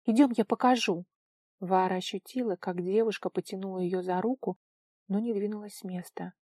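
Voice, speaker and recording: A woman narrating a fantasy audiobook in an expressive storytelling manner. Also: mid-range voice, fairly quick, no room sound, clean studio sound.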